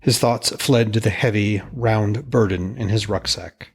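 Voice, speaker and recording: Male storyteller for ancient myth: grave scripted narration, low-pitched and husky. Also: unhurried. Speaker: podcast narrator.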